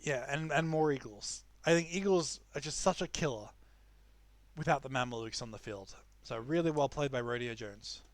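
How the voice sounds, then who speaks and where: A man's voice: medium pitch, moderate pace, no room sound. A young man casting a strategy game live, chatty and loose, often restarting his sentences. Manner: chatty, frequent restarts and fillers. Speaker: esports caster.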